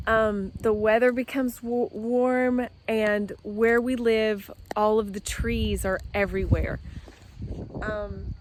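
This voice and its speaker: Slow-talking woman vlogging outdoors. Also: a little high, heavy background noise. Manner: rambling, many fillers and restarts. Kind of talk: casual outdoor vlog talk. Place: outdoors with trees and her dogs.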